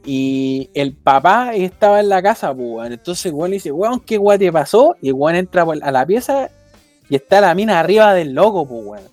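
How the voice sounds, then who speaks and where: A man's voice: fairly high pitch, animated, normal speed, darkish tone, dry recording, soft background music. A young man with a Chilean accent telling a rambling, slang-filled anecdote in casual chat. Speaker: storyteller.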